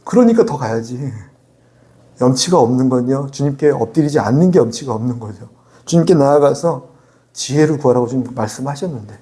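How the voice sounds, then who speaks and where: Lively preaching pastor, mellow voice. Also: male voice, mid-range voice, a little fast. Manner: lively, chatty preaching with playful voiced asides and laughs. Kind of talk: sermon. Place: church sanctuary.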